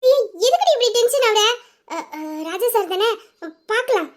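A woman voicing a calm protective police sister. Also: very high-pitched, normal speed. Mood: soothing worry. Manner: steady, reassuring, firm. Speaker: police officer. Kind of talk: Tamil audio drama acting.

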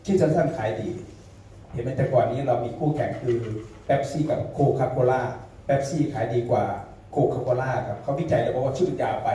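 A man's voice: medium pitch, brisk, dark tone. A man moderating a live panel, chatting and teasing the audience between introductions. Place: event hall with an audience. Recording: echoey hall, distant mic, faint room noise.

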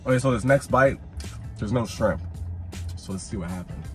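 A man casually reviewing fast food in a chatty, slangy, animated way, likely from a parked car. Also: on the low side, faint music behind.

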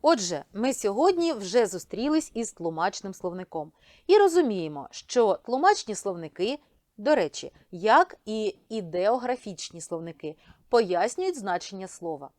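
A woman teacher explaining a video lesson, speaking clearly and addressing students directly. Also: medium pitch, very animated, moderate pace, darkish tone, dry recording, clean studio sound.

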